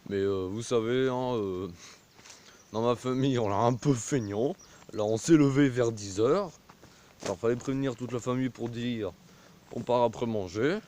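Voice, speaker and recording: A man's voice: medium pitch, normal speed, darkish tone. A man vlogging while walking a country path, talking into a phone on a pole, hesitant and full of fillers. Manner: hesitant, full of fillers and trailing "voilà, hein". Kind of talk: rambling outdoor vlog. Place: outdoors on a country path in a village. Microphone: phone on a pole held while walking. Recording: faint rural outdoor noise.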